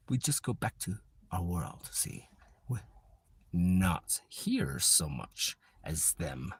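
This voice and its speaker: A man's voice: mid-range voice, a little mellow, slightly rough, no room sound. A man on a livestream, talking in a rambling, repetitive spiritual monologue that drifts into whispers now and then.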